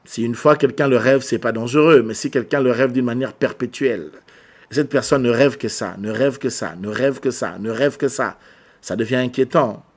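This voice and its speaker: A man's voice: mid-range voice, normal speed. Man preaching with rising intensity. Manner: repeats phrases for emphasis, swings from soft to loud. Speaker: pastor. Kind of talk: sermon.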